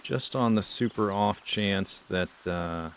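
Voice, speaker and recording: A man with a lowish voice mutters his way through a game, half talking to himself and half to viewers. He drifts between thoughts with a relaxed, unhurried ramble. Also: slight background noise. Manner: muttering to himself, musing aloud. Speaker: streamer. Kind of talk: casual gameplay commentary.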